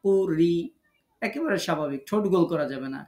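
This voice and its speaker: A man teaching Quran recitation rules in an online lesson, patiently repeating each rule and drawing out example words slowly. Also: high-pitched. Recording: echoey room.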